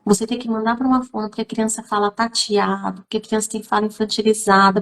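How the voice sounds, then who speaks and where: A woman, a literacy teacher who is also a mother, talking emphatically to viewers in a live stream, full of fillers and direct appeals. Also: fairly high pitch. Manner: emphatic, addresses audience directly, many fillers.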